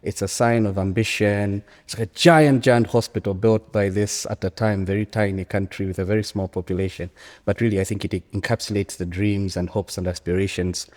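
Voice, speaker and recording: Speaking fairly quickly with a fairly low, steady, slightly mellow voice, an economics academic in his early forties with a Zambian accent answers interview questions conversationally. He tells stories reflectively and emphatically, often repeating phrases, while a hall echoes with long reverb.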